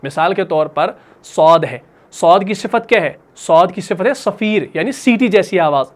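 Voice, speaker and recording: Male recitation teacher, patient, question-and-answer delivery, slow repetition of key terms. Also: high voice, lively intonation. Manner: patient, asks questions and answers them himself; repeats each term slowly. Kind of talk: classroom lesson.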